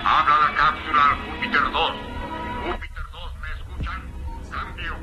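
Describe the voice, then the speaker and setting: A man dubbing an astronaut who calls his ship from a capsule over a distant two-way radio, repeating call signs in a flat way. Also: a little high, moderate pace, muffled recording, over loud music. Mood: urgent calling. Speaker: dubbed character in a played space series clip.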